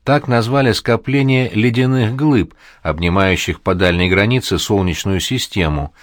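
A man's voice: on the low side, moderate pace, dry recording, clean studio sound, natural voice. A man voicing a gloomy middle-aged man who talks tersely and wryly. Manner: terse, wry, sighing.

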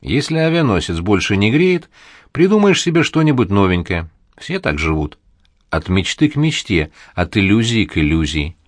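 A man's voice: on the low side, big pitch swings, moderate pace, no room sound, clean studio sound. A man voicing a gloomy middle-aged man who talks tersely and wryly. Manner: terse, wry, sighing.

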